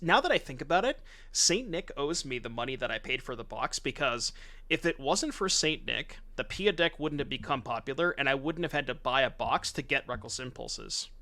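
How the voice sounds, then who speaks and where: A man in his thirties streams a card game from home on a desk mic with a webcam, joking with and reading his chat as he plays. His voice is a little high and sharp in tone.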